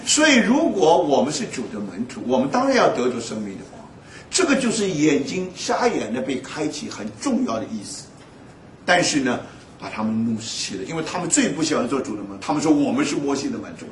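Animated male preacher in an echoey hall. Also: medium pitch, brisk, distant mic, slight background noise. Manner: animated storytelling with frequent laughs. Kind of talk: sermon.

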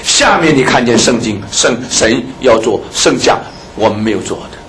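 A man's voice: mid-range voice, normal speed, slight background noise, poor audio. A man preaching a sermon, often turning to his listeners as brothers and sisters and repeating words for emphasis. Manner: animated, repeats phrases for emphasis.

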